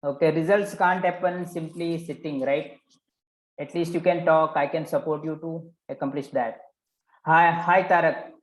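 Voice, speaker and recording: A man's voice: fairly high pitch, fairly even intonation, normal speed. A man leading a live online coaching session, probing participants and repeating their answers back to them. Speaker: workshop coach. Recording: roomy echo.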